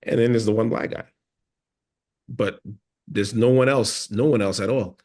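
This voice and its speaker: A man's voice: lowish voice, moderate pace, darkish tone. A man speaking as a podcast guest, telling his story in an earnest, reflective conversational way. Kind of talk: conversational interview.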